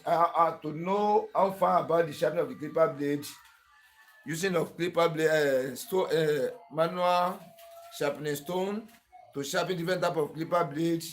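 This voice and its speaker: Nigerian-accented male host, slightly high voice, earnest, repetitive tutorial delivery. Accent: Nigerian English. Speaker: clipper-blade sharpening tutor and channel host. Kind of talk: tutorial narration.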